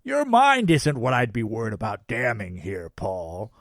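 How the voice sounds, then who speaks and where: A man voicing a jolly, foul-mouthed old Santa Claus in a storybook, with a booming, merry, taunting delivery. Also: sing-song, unhurried, a bit bright, dry recording, studio quality. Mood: teasing. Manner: taunting, cryptic, theatrical.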